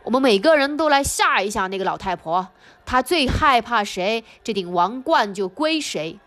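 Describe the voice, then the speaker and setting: A woman reading a storybook aloud, voicing a boastful male lion in a lowered, drawn-out voice. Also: animated, a bit bright, soft background music.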